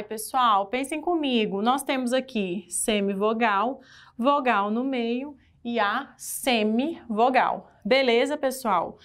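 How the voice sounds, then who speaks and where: Lively Brazilian woman teaching grammar. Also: a little high. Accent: Brazilian Portuguese. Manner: lively, asks the class questions. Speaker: Portuguese-language teacher. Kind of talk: exam-prep grammar lesson.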